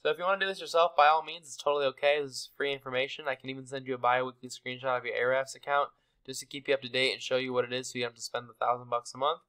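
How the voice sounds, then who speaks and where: A man's voice: medium pitch, steady tone, racing, sharp tone, clean tone, rough recording. A young man from Texas walking a client through website marketing tips in a casual, friendly screen-share, with fillers. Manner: friendly, conversational, many fillers.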